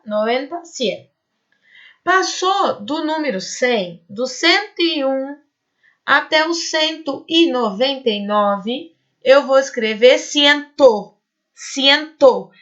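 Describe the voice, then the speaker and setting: A woman teaching a Spanish class to high school students, explaining step by step and checking in with quick tag questions. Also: fairly bright tone, muffled recording. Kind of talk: online class lesson.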